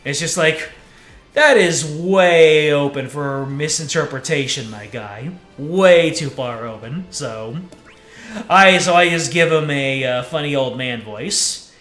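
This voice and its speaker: A man's voice: fairly high pitch, takes it slowly, fairly bright tone. A man streaming a game and chatting in a rambling, casual way between story lines. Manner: rambling, chatty, filler-heavy. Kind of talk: let's play commentary. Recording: echoey room, faint music.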